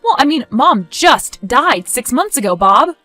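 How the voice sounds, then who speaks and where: A woman playing a skeptical, sharp-tongued adult daughter in scripted story dialogue, expressive and conversational. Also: high voice, a little slow, soft background music, heavily acted.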